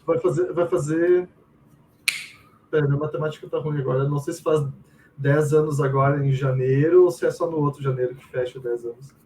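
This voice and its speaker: A man with a Brazilian accent, speaking fairly quickly in a somewhat high, darkish voice with fairly even intonation. He's a game writer being interviewed, chatting casually with slang, telling animated anecdotes and quoting his own thoughts. The mic sits at a distance and picks up faint room noise.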